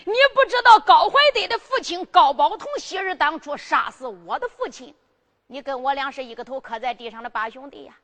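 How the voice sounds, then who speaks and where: Brief: wily emperor sweet-talking his sworn brother, voiced by a woman storyteller; high, bright delivery. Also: brisk, in a large hall. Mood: persuasive, insistent. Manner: coaxing, persuasive, pleading. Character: scheming, coaxing male emperor, older sworn brother.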